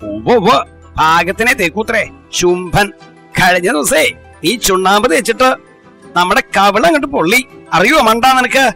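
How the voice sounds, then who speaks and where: A man's voice: sits high, lively intonation, normal speed, pauses often, bright, forceful tone, faint music behind, exaggerated voice. A man voicing a pompous, grumpy middle-aged lord in a kids' cartoon, who scolds his servant haughtily and speaks of himself as "we". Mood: scolding. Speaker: title character of a cartoon.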